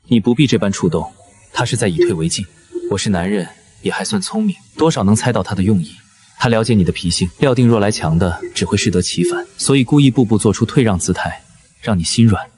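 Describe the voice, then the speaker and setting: An actor playing an intense, possessive young nobleman in a costume romance drama, speaking low and earnestly. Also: big pitch swings, fast, darkish tone.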